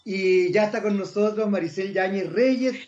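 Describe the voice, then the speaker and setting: Chilean guy hosting a radio show, high voice, talks a lot, kinda muffled lo-fi sound. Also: moderate pace, darkish tone, soft background music. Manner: chatty, talks a lot, self-mocking. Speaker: radio host. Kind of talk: casual radio interview.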